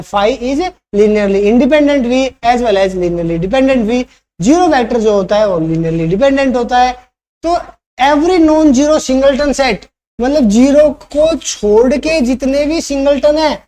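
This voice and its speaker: A man's voice: extremely high pitch, a little mellow. A man teaching a math lesson for exam preparation. He explains step by step, repeats key points, asks rhetorical questions and keeps checking that the viewer follows. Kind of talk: online exam-prep math lecture.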